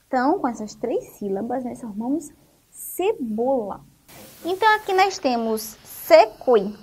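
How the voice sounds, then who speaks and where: A woman teaching an online lesson for young children with a Brazilian Portuguese accent, slow and encouraging, asking questions and answering them herself. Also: high-pitched, a little mellow, slightly rough. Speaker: primary school teacher.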